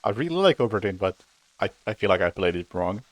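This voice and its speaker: A sleepy, yawning man streams a game, offering casual, rambling commentary with frequent chuckles and self-corrections. His voice is lowish with big pitch swings and a slightly fast pace, with no echo.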